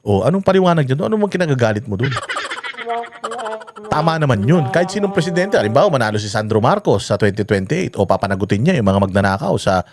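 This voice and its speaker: A man reacting to the news in a fiery, sarcastic rant, his pitch swinging wildly up and down. He swears freely and hammers at his target with one rhetorical question after another. Steady background noise runs under his voice. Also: quick pace. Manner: angry, mocking, swears often, rhetorical questions. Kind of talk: heated casual commentary. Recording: noisy background.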